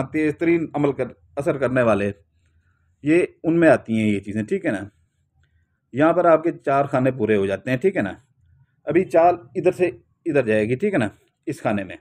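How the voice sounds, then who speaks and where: A man's voice: medium pitch, darkish tone. Man with a Pakistani Urdu accent explaining a diagram. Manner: keeps saying a tag phrase, plain step-by-step instruction. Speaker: amil teaching a talisman. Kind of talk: spoken tutorial while drawing.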